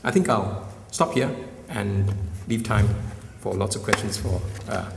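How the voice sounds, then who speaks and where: A man's voice: fairly low pitch, unhurried, gravelly, heavy background noise. A man giving a keynote speech at a summit, emphatic and often tagging his points with "right?". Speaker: summit speaker. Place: large conference hall. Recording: echoey hall, mic at a distance.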